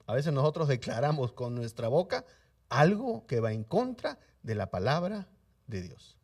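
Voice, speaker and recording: A male pastor preaching a sermon, swinging between loud emphatic lines and hushed soft ones, and asking the congregation questions that he then answers himself. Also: mid-range voice, very animated, normal speed, far from the mic. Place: church sanctuary.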